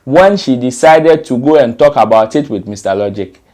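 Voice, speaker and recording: A man's voice: mid-range voice, animated, normal speed, dark tone. A man hosting a commentary show, reading out a news story and quotes in an explanatory way, with fillers and restarts.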